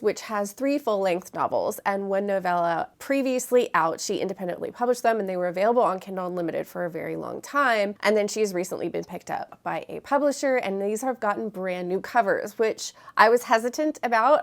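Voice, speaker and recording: A woman with a stuffy, congested voice from a cold, talking through a casual book vlog. She is chatty and enthusiastic, slipping into side tangents between excited recommendations. Her voice sits at an ordinary middle pitch. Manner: chatty, wanders off topic, gushing. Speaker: book vlogger. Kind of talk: casual book review chat.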